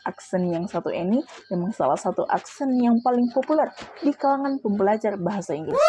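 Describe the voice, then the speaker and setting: A woman's voice: mid-range voice, dark tone, breathy edge, poor audio. A woman reading out a prepared class presentation, explaining step by step with brief asides to her listeners. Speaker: student presenter.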